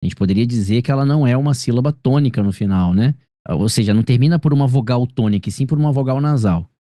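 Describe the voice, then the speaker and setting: A man's voice: mid-range voice, fast talker, dark tone, dry recording, clean studio sound. A man with a Brazilian accent tutoring a student one-on-one over a video call, explaining patiently and often checking that she follows. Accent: Brazilian Portuguese. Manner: explanatory, checks understanding with frequent tag questions. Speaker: grammar teacher.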